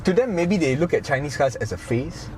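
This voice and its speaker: A man's voice: fairly high pitch, lively intonation, brisk, slight background noise, rough recording. A man with a Malaysian accent giving his opinions in casual, informal chat as a car reviewer.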